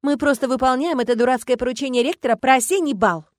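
Woman reading as a sardonic young heroine, exasperated, a touch high. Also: fast, no echo, clean studio sound, natural voice. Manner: wry, exasperated.

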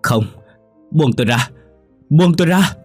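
A man's voice: low-pitched, moderate pace, breathy edge, faint music behind. A man playing a guilt-ridden older man who stammers and cries out in frantic fear. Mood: terrified.

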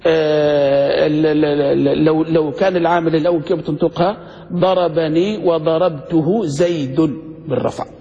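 A man's voice: fairly high pitch, darkish tone. Man teaching grammar, echoing. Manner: asks students questions, slows to spell out examples. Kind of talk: classroom lesson. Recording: dull lo-fi recording with long reverb.

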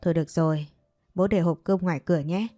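A woman reading as a smooth-talking stepfather. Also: on the low side, steady tone, fast, warm tone, no echo, studio quality, natural voice. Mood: placating. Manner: soothing, placating. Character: smooth-talking stepfather, man, middle-aged.

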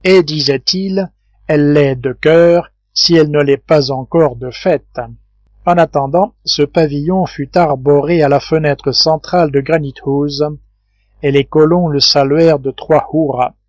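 A man reading a classic adventure novel aloud in a measured, steady narration. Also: a little high, no room sound, lo-fi sound. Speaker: audiobook reader. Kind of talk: scripted narration.

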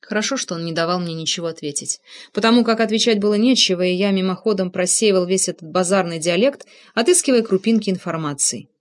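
A woman narrating a first-person thriller audiobook in a tense, measured storytelling manner. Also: fairly low pitch.

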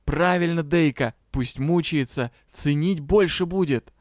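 A man's voice: fairly high pitch, measured pace, no echo, studio quality, lightly acted. A man voicing a cheeky, shameless male dragon in an audiobook, with a brash, teasing, mock-indignant manner.

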